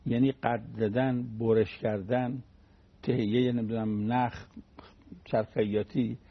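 A man's voice: medium pitch, creaky, breathy edge, dull audio. A man giving a conversational religious talk on the radio, teaching through everyday anecdotes and homely examples.

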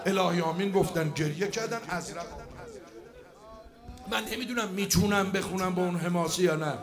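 A man telling a religious story as a dramatic lament, swinging from hushed tones to shouts. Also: high voice, crowd noise. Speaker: eulogist.

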